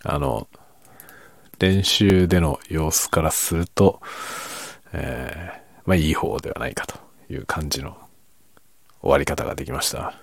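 A man hosting a quiet late-night solo chat, talking in a soft, unhurried, rambling way from his bedroom. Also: extremely low pitch, vocal fry, dry recording. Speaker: podcast host.

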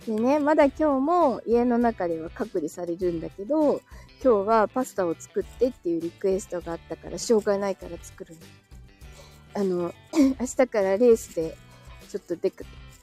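A woman's voice: medium pitch, dark tone. A woman hosting a casual live stream from home, chatting with listeners, reading their comments aloud and laughing often between phrases. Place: indoors at home.

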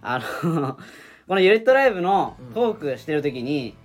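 Young guy on a comedy podcast, laughy and insistent, soft music behind. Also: fairly high pitch, sing-song, normal speed. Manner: chatty storyteller, laughing, insistent. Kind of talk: casual chat.

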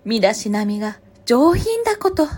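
A woman voicing a sly mother fox in a picture-book reading, with sweet, drawn-out flattery. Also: fairly high pitch, slightly rough, pitched above the performer's own voice. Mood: flattering. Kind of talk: picture-book read-aloud.

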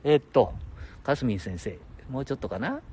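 Here an older livestream host, in his seventies, rambles in a Nagoya-area dialect, chatty and quick to laugh, often talking to himself. He speaks briskly in a medium-pitched, darkish voice full of big pitch swings. A little hiss or hum sits in the audio.

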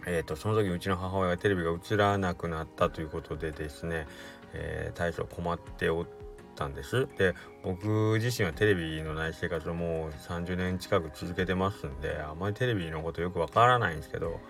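A man's voice: deep voice, brisk, a bit bright, faint music behind. A middle-aged man hosting a solo podcast, rambling casually about everyday things. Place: inside a car.

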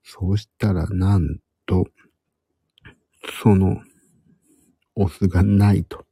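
A middle-aged man speaking in a hushed, husky half-whisper, chatting casually and haltingly to live stream viewers. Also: deep voice, little pitch movement, no room sound. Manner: rambling, hesitant, searching for words. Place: at home in a room beside a sleeping child.

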